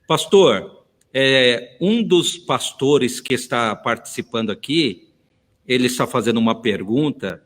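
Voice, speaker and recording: Male interviewer, effusive and devout, unhurried delivery, voice ringing in a reverberant hall. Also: mid-range voice, expressive, fairly bright tone. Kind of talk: church interview.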